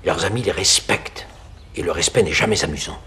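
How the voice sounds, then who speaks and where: A man acting a stern, composed priest mentor in a period film, calm and admonishing. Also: deep voice, a little fast.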